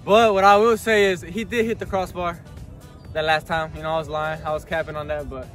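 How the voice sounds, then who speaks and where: A young man on an outdoor football pitch, teasing and boasting his way through a casual trash-talk challenge. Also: steady tone, brisk. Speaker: channel host, player. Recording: outdoor audio with loud music over it.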